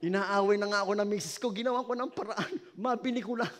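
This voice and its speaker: A middle-aged man with a Filipino accent, preaching a sermon as pastor and switching between Tagalog and English, loud at his peaks and soft when telling stories. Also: high voice, fast talker.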